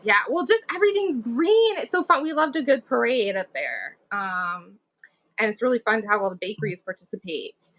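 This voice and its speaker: Appearing as a guest in a casual chat, a New England woman who writes books keeps laughing as she speaks. Her fairly bright, animated voice sits on the high side and moves at normal speed, with no room sound on the recording.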